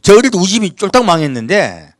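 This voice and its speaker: A male pastor from the Jeolla region of South Korea, preaching a sermon with rhetorical questions and reading scripture in a measured cadence. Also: sits high, sing-song, no room sound, studio quality.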